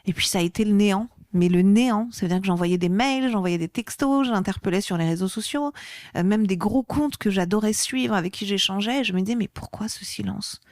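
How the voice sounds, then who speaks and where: A woman's voice: mid-range voice, a little fast, a little mellow, dry recording, clean studio sound. A woman guest on an interview podcast, speaking passionately and with growing emphasis. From France. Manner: passionate, grows heated and emphatic. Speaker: activist guest. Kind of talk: interview conversation.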